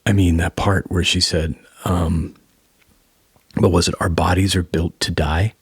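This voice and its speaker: A man hosting a reflective conversation, speaking in a thoughtful, deliberate and halting way. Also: sits low, fairly even intonation, breathy edge, no room sound. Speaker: host. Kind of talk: reflective interview and casual musing.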